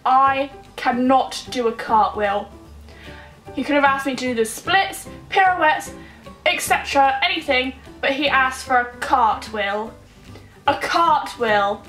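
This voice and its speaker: High, bright young woman, echoey room. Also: animated, a little slow, soft background music. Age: young adult. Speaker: vlogger. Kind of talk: comic personal storytelling to camera.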